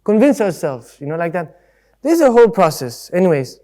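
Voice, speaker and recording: Man giving a relaxed Buddhist talk. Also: high-pitched, a little fast. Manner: conversational, leans on everyday examples; acts out voices in quotes. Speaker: speaker at a Buddhist centre. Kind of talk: casual spoken Dharma talk.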